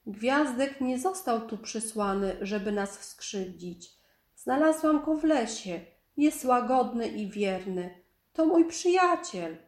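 A woman voicing a brave, gentle young girl in a storybook, speaking earnestly and pleadingly. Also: fairly high pitch, lively intonation, takes it slowly. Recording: echoey room.

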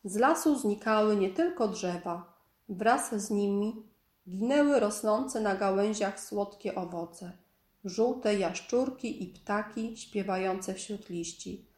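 A woman reading a children's story aloud in a calm, measured storytelling manner. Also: medium pitch. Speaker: storybook narrator. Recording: echoey room.

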